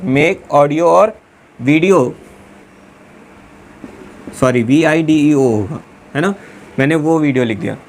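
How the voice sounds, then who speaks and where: A man teaches a class, dictating points word by word and checking in with "है ना" after nearly every phrase. His lecture mixes explanation with slow dictation. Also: fairly high pitch, slight background noise. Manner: dictates slowly word by word, asks "है ना" and "clear" often.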